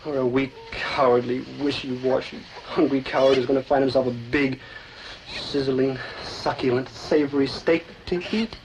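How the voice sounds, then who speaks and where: An actor playing a hungry, childish, cowardly young American beatnik in a 1960s sitcom, talking in slang and dramatic exclamations. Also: male voice, mid-range voice, fairly even intonation, normal speed, noisy background, close to an everyday voice. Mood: sneaky, torn. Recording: old TV soundtrack with music behind.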